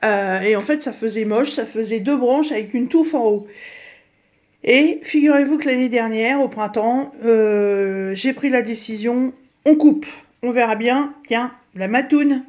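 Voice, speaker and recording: A middle-aged woman giving a casual tour of her craft room at home, talking in a chatty, halting way with many fillers, her voice slightly hoarse. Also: on the high side, a little mellow. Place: dining room at home, indoors.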